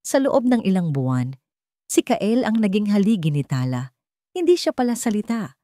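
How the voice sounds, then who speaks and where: A woman storyteller reads a scripted dramatic story in a medium-pitched, slightly mellow voice. The audio is studio quality with no room sound.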